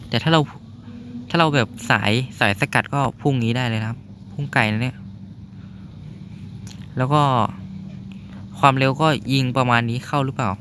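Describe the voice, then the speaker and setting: Young male gaming streamer, casual play-by-play, mid pitch, faint background noise. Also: normal speed, long pauses, a bit bright. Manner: chatty, explains while playing, reacts with exclamations. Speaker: gaming YouTuber. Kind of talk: casual gameplay commentary. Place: noisy spot at home.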